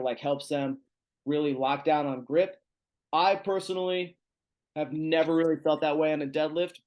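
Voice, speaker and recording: A man as strength coach giving a virtual seminar lecture, talking casually through slides with fillers, over a video call. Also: on the high side.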